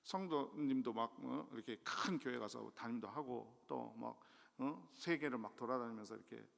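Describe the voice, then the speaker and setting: Gravelly-voiced preacher in a reverberant church. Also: male voice, mid-range voice, moderate pace. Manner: conversational, self-deprecating preaching with sudden loud rises. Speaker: guest pastor. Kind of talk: sermon. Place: church sanctuary. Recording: long church hall reverb.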